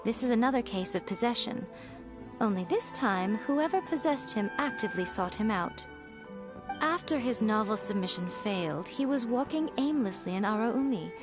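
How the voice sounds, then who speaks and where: A woman voicing a sly, playful fox-spirit priestess in a game who teases with soft laughs. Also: on the high side, expressive, moderate pace, natural voice. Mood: explaining. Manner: teasing, amused, laughs softly. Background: game music.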